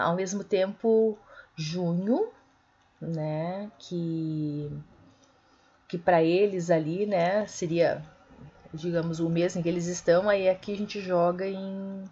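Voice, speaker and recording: A woman teaching an online literature class, explaining slowly, with many fillers and corrections. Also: on the low side, darkish tone, husky, muffled recording. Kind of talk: online lecture.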